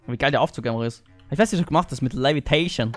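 A man with a German accent in excited gameplay chat with friends, excitable and repeating himself in quick back-and-forth. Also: mid-range voice, dry recording, soft background music. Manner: excitable, rapid back-and-forth, frequent repetitions. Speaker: gaming YouTuber.

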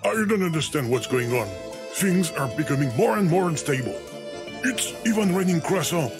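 An anxious talking video game that keeps begging the player to stop. His voice is high and lively, and his delivery is frantic. Loud game music fills the background. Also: normal speed. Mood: pleading.

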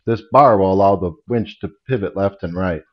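A man's voice: deep voice, moderate pace, muffled recording. A middle-aged man casually explaining a DIY build in his home garage workshop, practical and plain, with small restarts, recorded by a camera a few steps away. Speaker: DIY channel host.

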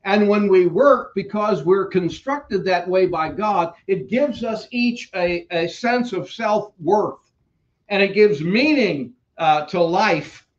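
An older pastor with a New York accent preaches in a church sanctuary, his voice pitched high for a man. He talks slowly and conversationally, with casual asides, moving around near a stand mic. The sound is slightly dull. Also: expressive. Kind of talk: sermon. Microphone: stand mic at pulpit, preacher moving about.

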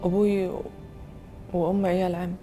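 Played by an actress, a sleepless young woman speaks quietly in a flat, worn voice. Music plays clearly behind her. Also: fairly low pitch, fairly quick, close to an everyday voice. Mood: weary. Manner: quiet, subdued. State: sleepless, exhausted. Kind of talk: TV drama acting.

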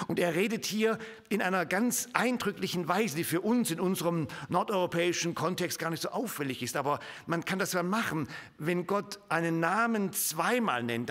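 A male pastor preaching a sermon, swinging from hushed whispers to emphatic raised lines and putting rhetorical questions to the congregation. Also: a little high. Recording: reverberant church hall.

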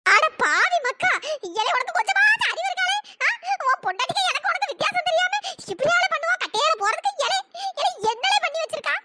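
A woman's voice: big pitch swings, a little fast, few pauses. A woman voicing a scolding, wailing old grandmother with an in a cartoon. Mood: outraged. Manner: shrieking, scolding, melodramatic wailing. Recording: high pitch-shifted cartoon voice with background noise.

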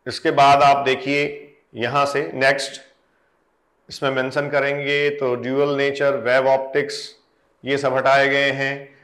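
A man's voice: medium pitch, completely flat delivery, measured pace, a bit bright. A man, an exam coaching educator talking students through syllabus changes and reading out lists of deleted topics. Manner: addresses students directly, reads out topic lists.

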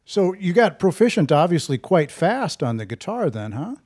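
A man's voice: high-pitched, sing-song, normal speed, a little mellow. Older guy hosting a studio chat, friendly, voice bouncing up and down. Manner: friendly, asks short follow-up questions. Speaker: radio interviewer. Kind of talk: conversational interview. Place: music recording studio, indoors.

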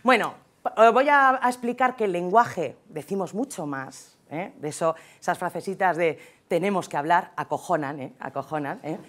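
A woman with a Spain Spanish accent giving a humorous conference talk, chatty and joking, often tagging her sentences with a quick question to the audience. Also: lowish voice, animated, a bit bright. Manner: chatty, jokey, keeps tagging lines with "¿eh?". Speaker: conference speaker.

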